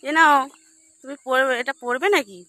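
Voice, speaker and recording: A woman's voice: sits high, fairly even intonation, moderate pace, no room sound. Chatty Bengali woman vlogging outdoors. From West Bengal, India. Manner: chatty, often drops to a hushed voice. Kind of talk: casual vlog narration to viewers. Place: outdoors on a foggy morning.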